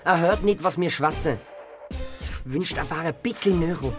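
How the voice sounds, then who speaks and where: A storyteller with a Swiss German accent narrating a children's audio story in the first person as a young boy, with frequent jumps in pitch. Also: moderate pace, music in the background.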